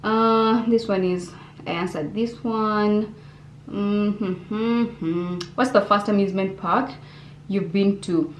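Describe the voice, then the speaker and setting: A young adult woman from Uganda chats expressively with viewers in a casual Q&A vlog filmed in her bedroom, using a camera on her desk facing her. Her voice is medium-pitched and steady, her pace slow, and the recording carries a roomy echo and a faint hum.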